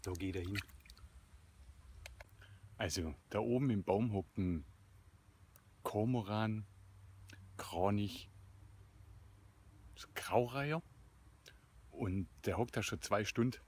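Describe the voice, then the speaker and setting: A man in his forties, filming his own casual vlog while fishing at a pond and exclaiming excitedly as he lands fish. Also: fairly low pitch, slow pace, long pauses, slightly rough. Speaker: angler filming himself. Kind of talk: casual outdoor vlog commentary. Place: outdoors at a pond bank. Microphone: handheld camera, often set at a distance. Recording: outdoor camera audio with steady background noise.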